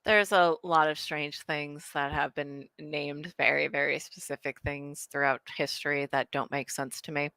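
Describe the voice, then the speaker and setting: A woman's voice: sits low, flat delivery, unhurried, hardly any pauses, pushed and bright, clear, resonant tone, no echo. A young adult woman from Ukraine hosting a casual book club discussion, thoughtful and hesitant with many restarts.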